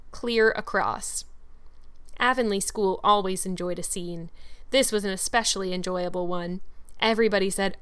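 A woman narrating a classic storybook in an expressive, measured reading. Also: medium pitch, clean tone. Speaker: audiobook narrator.

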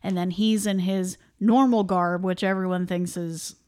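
A woman's voice: lowish voice, steady tone, a little slow, a little mellow, clean tone. A young woman co-hosting a podcast, chatting casually about a movie with lots of fillers, laughs and asides. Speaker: podcast co-host. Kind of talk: casual movie-review chat.

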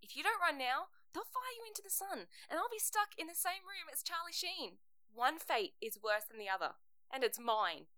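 A woman voicing a flustered young radio co-host with a crush, giggly and quick to get rattled. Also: sits high, very animated, sharp tone, no room sound, clean studio sound, heavily acted.

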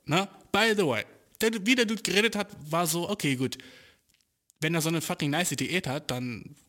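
A man's voice: fairly high pitch, expressive, normal speed, sharp tone. A young man telling a story in a casual rant, heavy on slang and swearing, mocking the people in it and often cracking up. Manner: profane, slangy, mocking, breaks into laughter. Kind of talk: casual ranting anecdote.

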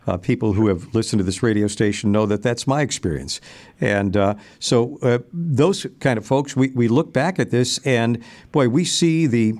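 Halting male radio host. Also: medium pitch, darkish tone. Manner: measured, halting, with many pauses and restarts. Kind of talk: radio interview.

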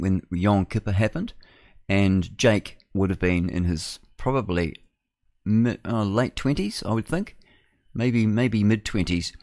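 With a low, darkish voice, a New Zealand-accented radio host in his 60s delivers a chatty, wandering opinion monologue, drifting between points and adding rhetorical tag questions. The recording is studio quality with no echo.

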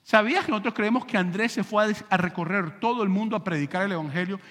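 A male pastor preaching a sermon in an animated, conversational way, firing rhetorical questions at the congregation. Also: high voice, fast talker, long reverb tail. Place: church sanctuary with pulpit.

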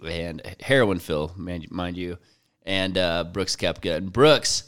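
Low-voiced man recapping golf. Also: slow pace, fairly bright tone, smooth. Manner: wry, laid-back recap with jokes. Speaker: podcast co-host. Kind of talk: casual golf chat.

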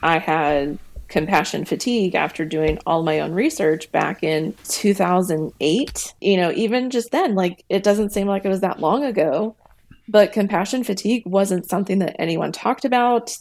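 A woman's voice: medium pitch, normal speed, a little mellow. A woman in her late thirties or forties talking candidly as a podcast guest, laughing often and acting out her own past remarks. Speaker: guest, veterinary technician and ER manager. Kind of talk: conversational podcast interview.

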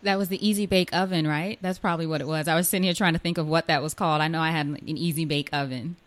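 An enthusiastic woman hosting a conversational interview, quick with encouragement. Her voice is lower than most and smooth and clear. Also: steady tone. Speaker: podcast host.

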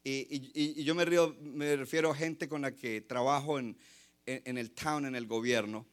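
A man's voice: mid-range voice, steady tone, normal speed. A man from Colombia, preaching an impassioned sermon as a pastor and mixing in English phrases.

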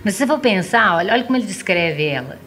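A woman's voice: medium pitch, animated, racing, fairly bright tone, slight background noise. A woman co-hosting a casual film talk, reflective and musing, often ending thoughts with a questioning tag. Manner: reflective, trailing, often ends with "né?". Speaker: co-host discussing films.

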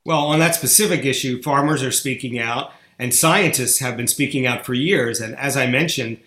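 A man's voice: medium pitch, normal speed, bright, forceful tone. Blunt, argumentative man in an echoey room. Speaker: guest. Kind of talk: interview answers.

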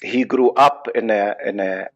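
Earnest Palestinian-accented man, lo-fi audio. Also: fairly low pitch. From Israel. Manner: earnest, halting, many restarts. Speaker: psychologist guest. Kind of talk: podcast interview.

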